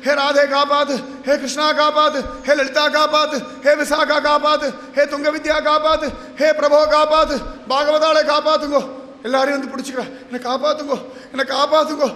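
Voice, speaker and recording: A grief-stricken young woman devotee, put on by a man, begs and wails for rescue. The voice rides very high and bright. A long hall echo hangs behind every cry. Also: quick pace. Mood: desperate wailing. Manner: wailing, crying out for rescue. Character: anguished young woman devotee pleading desperately. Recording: echoey hall.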